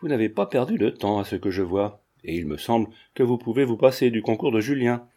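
A man's voice: medium pitch, lively intonation, brisk, dark tone, natural voice. A man reading the lines of a haughty, ironic middle-aged mother in an audiobook, in a cool, formal way. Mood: cutting.

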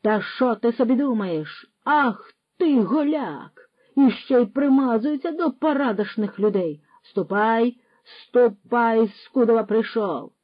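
A woman's voice: medium pitch, expressive, a little slow, no echo, highs cut off. Woman doing a curt old shopkeeper. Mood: enraged. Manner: curt, dismissive, mixes in Russian words. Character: stubborn older male village shopkeeper, quick to anger.

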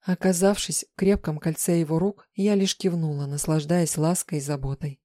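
A woman reading a first-person novel aloud as an audiobook narrator, in an even, emotive way. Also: low-pitched, moderate pace, no room sound, studio quality.

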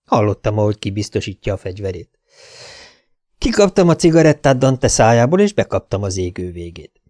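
A man's voice: lowish voice, big pitch swings, darkish tone, dry recording, studio quality. A man narrating a first-person audiobook in a laconic, wry way.

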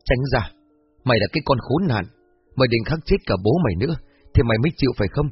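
A raging, cursing middle-aged mother from a storybook as a man puts her on, spitting out rapid scolding words. The voice is husky. The recording is dull and lo-fi, with faint music. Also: medium pitch, expressive, no room sound. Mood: furious. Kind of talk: storybook narration.

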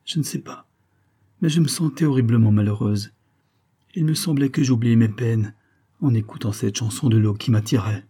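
A man voicing a heartbroken young woman in a read-aloud story, speaking softly and tremulously. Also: mid-range voice, normal speed, husky, lightly acted. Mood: despairing. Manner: soft, trembling, sighing.

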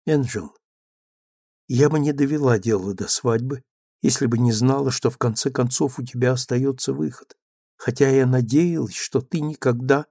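A man's voice: mid-range voice, normal speed, warm tone, no room sound, clean studio sound, lightly acted. A man reading as a meek, remorseful young woman. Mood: pleading. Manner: pleading, trembling. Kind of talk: audiobook character reading.

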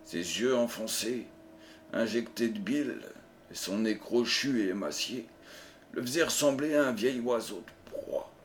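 A man narrating an audiobook in a measured, steady storytelling voice. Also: mid-range voice, slight background noise. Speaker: audiobook reader. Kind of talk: scripted narration.

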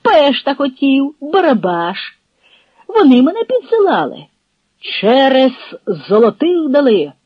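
Brief: a shrill, scrawny, hot-tempered little Cossack, put on by the reader, shouting indignantly, swooping pitch, lo-fi radio. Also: wildly swooping pitch, takes it slowly, no echo, heavily acted. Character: small scrawny young Cossack man, fiery and shrill.

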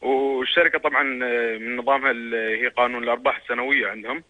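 A man's voice: mid-range voice, steady tone, very fast. A man with a Gulf accent asking a question as a caller on a phone line. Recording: tinny narrow phone line.

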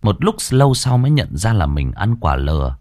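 A man narrating an audiobook story in a lively, expressive way. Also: on the low side, moderate pace, no room sound, studio quality.

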